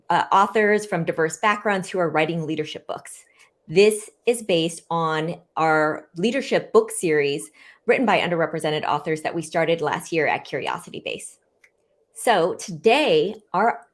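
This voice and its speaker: Eager woman hosting an online interview. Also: fairly low pitch. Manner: eager, welcoming, with fillers. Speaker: host.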